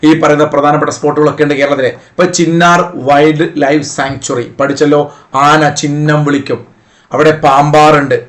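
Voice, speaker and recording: A man's voice: fairly high pitch, flat delivery, fairly quick, a bit bright. A man teaching an online exam-prep lesson, coaxing students along with memory tricks and rhetorical questions.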